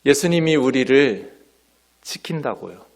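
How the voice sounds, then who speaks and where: Lively Korean pastor, preaching in church. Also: male voice, medium pitch, a little slow. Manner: lively preaching, drops to soft near-whispers. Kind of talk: sermon. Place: church sanctuary.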